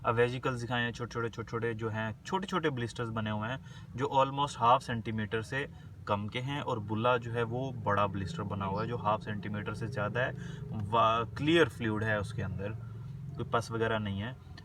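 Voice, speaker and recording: Man lecturing, reading definitions slowly. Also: fairly low pitch, fairly even intonation, a bit bright, recorded from a distance, slight background noise. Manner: reads English definitions slowly, then explains them casually in Hindi. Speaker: medical lecturer. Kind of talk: explanatory lecture, Hindi with English terms read out slowly.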